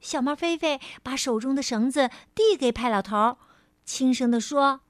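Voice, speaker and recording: A woman storyteller reading a children's storybook aloud in a gentle, expressive way. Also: high-pitched, normal speed, no room sound, studio quality. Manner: gentle, expressive, lingering on phrases.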